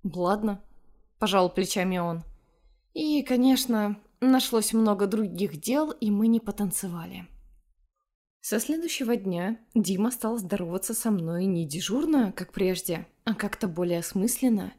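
A woman reading a first-person romance story aloud in a calm, measured way. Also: mid-range voice. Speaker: narrator.

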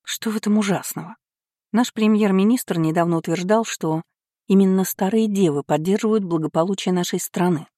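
An audiobook reader voicing a lively, teasing young duke's daughter in a raised voice. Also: medium pitch, fairly quick, dry recording, studio quality, pitched above the performer's own voice, natural voice. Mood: wistful. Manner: playful, arch. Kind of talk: audiobook character reading.

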